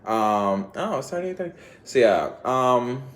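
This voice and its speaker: A man's voice: mid-range voice, sing-song, a little slow, background noise. A man talking straight to his viewers in a loose, rambling monologue full of slang and scattered thoughts. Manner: rambling, scattered, laughs often, lots of slang. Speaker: vlogger.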